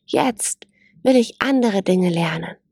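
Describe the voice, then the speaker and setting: A woman's voice: medium pitch, animated, slow, creaky, a little mellow, breathy edge, no echo, clean studio sound, heavily acted. A woman voicing a curious young male lion in a storybook reading, speaking earnestly in a raised voice. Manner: earnest, open questions.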